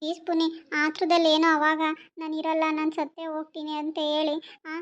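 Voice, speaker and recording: An actress playing an anxious, gentle young wife who talks in a worried, pleading way. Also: female voice, high voice, completely flat delivery, fairly quick, muffled recording. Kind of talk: TV serial acting.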